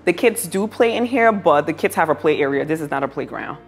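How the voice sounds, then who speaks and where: Low-voiced woman gushing through a home tour. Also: lively intonation, fairly quick, gravelly. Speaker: vlogger giving a home tour. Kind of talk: casual home makeover tour, talking to viewers. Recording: music behind the voice. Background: background music.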